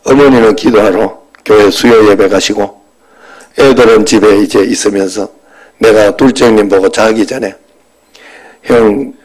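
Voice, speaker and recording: Here a fifties-aged pastor preaches while sharing a personal anecdote casually, swinging from loud outbursts to hushed asides. His voice is fairly low and steady, a touch slow, captured on poor audio.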